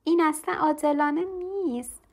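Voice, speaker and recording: A small storybook girl of eleven protests loudly that nothing is fair, her high voice pushed up in complaint. A woman voices her. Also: fairly even intonation. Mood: protesting. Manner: loud, complaining child voice. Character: upset eleven-year-old girl protesting change.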